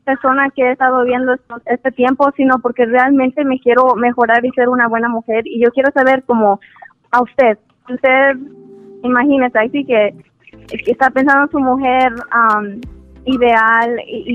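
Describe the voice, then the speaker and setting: Woman caller, American accent in her Spanish, high pitch, hesitant casual talk, dry phone-like sound. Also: dry recording. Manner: hesitant, searching for words, self-conscious about her Spanish. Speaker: caller to an advice show. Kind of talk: casual conversation. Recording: tinny narrowband phone call.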